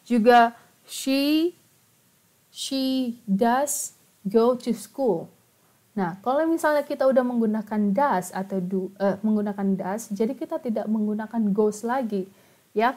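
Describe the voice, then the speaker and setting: A woman's voice: mid-range voice, a little mellow. A woman with an Indonesian accent teaching English grammar in an online class. She switches between English and Indonesian and keeps asking the students questions. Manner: mixes Indonesian explanations into English, chatty, asks the class questions.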